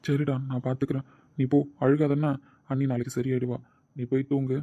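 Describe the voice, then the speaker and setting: A man's voice: mid-range voice, level tone, a little fast, mellow, no echo, highs cut off, close to an everyday voice. A man voicing a caring, protective older brother who coaxes and reassures his sister. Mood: coaxing. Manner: coaxing, reassuring, brooding when alone.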